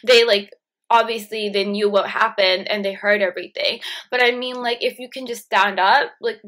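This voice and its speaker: A woman's voice: medium pitch, steady tone, normal speed, a bit bright. A young woman ranting indignantly to camera in a casual vlog, full of "like" fillers. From Canada. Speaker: vlogger.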